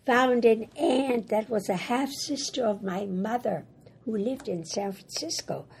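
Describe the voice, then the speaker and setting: An older woman who grew up in Germany, speaking English as a second language, recounts her life in an oral history interview in a raspy, hoarse voice, halting and plain. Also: on the high side, darkish tone, slight background noise. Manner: halting, plain-spoken, repeats words. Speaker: Holocaust survivor interviewee.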